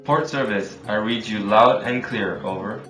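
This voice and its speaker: In a scripted maritime radio role-play, a man voices a motor vessel's officer who calmly and compliantly answers port control using strict formal procedure, plainly reading back every instruction. His voice is lowish and a bit bright, his pace measured, with room echo and music underneath.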